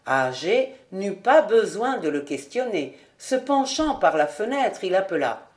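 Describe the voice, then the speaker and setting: A woman narrating a literary audiobook in a measured, clear reading voice. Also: mid-range voice, sing-song. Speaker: audiobook reader.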